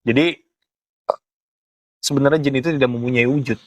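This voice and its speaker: A young man with a Jakarta Indonesian accent explains things in casual chat, haltingly, often searching for words. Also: medium pitch, fairly even intonation, dry recording. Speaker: ghost photographer being interviewed.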